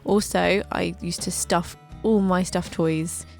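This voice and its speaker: A young woman in her twenties tells her life story as scripted narration, with light joking asides along the way. Her voice sits low and carries a gravelly, creaky edge, with soft music faintly behind her. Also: fairly even intonation, slow. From England. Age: 20s. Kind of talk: scripted narration over a drawing video.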